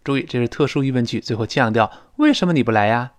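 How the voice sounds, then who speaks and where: A man with a Mandarin Chinese accent teaching a spoken English lesson, patiently explaining and slowly modelling phrases for students to repeat. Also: mid-range voice, expressive.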